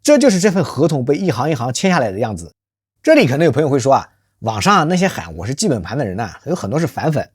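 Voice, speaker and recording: Husky, lively commentary host. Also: medium pitch, quick pace, no room sound, studio quality. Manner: rhetorical, emphatic, poses questions to listeners; calls self by nickname in third person. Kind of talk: scripted social commentary monologue.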